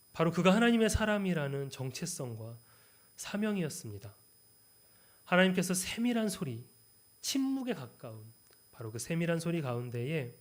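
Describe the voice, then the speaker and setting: A young man preaching a midweek church sermon, swinging between loud, emphatic lines and soft, tender passages. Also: a little high.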